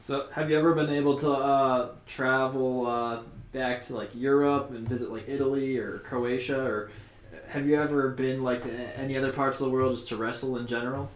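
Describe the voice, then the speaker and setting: A man's voice: medium pitch, steady tone, normal speed, reverberant. A man co-hosting an interview, asking loose, rambling questions. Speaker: interview co-host. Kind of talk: casual interview.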